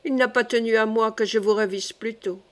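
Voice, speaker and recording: A woman reading the part of a gentle, courteous young male courtier in an audiobook. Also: fairly high pitch, fairly even intonation, fairly quick, lightly acted. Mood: tender.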